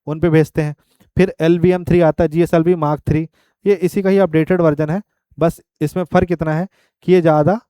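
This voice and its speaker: A male teacher gives an exam-prep lecture. He moves step by step through the material and keeps checking in with the class. His voice sits fairly high, with a mellow, smooth tone, recorded close and dry. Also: no echo. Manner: explains step by step, with frequent "ठीक है" checks.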